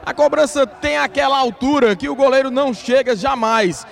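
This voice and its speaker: A man's voice: very high voice, normal speed, creaky. A Brazilian man reporting live on a football match as a commentator.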